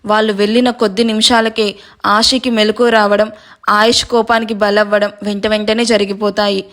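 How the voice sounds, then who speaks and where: A woman reading a romance drama aloud, steady and dramatic, with playful asides to listeners. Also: mid-range voice, normal speed. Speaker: storyteller. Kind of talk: scripted narration.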